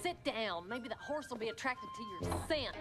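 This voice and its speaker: A woman's voice: on the high side, big pitch swings, normal speed, loud music behind the voice. An actress playing a bossy, nagging female crook who bungles a horse kidnapping. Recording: film score underneath.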